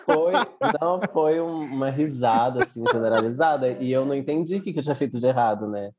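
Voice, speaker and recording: A man's voice: mid-range voice, brisk, crowd noise. A man, a guest telling anecdotes in a casual podcast chat.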